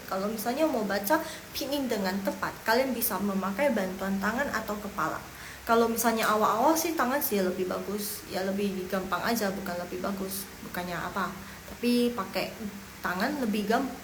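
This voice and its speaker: A woman's voice: on the high side, fairly bright tone. A woman teaching a live online Mandarin lesson in a chatty, playful way, asking questions and answering them herself. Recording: echoey room with faint noise.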